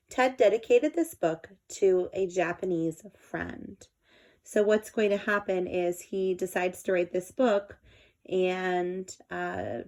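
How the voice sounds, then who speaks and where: A woman with a mid-range, darkish voice reads a children's book aloud as a storyteller. Along the way she adds simple explanatory asides for young listeners.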